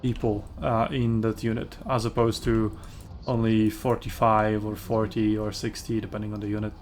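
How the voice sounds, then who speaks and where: A man's voice: on the low side, level tone, normal speed, slight background noise. Man chatting through gameplay commentary. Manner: rambling, self-correcting, chatty with fillers. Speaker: gaming video host.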